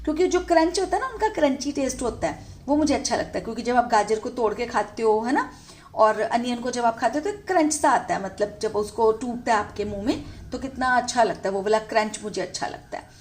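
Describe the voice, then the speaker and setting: A woman's voice: fairly high pitch, lively intonation, a little fast, slight background noise. A woman teaching an English lesson to young pupils, translating each word into Hindi. She asks questions and answers them herself, often checking in with her listeners.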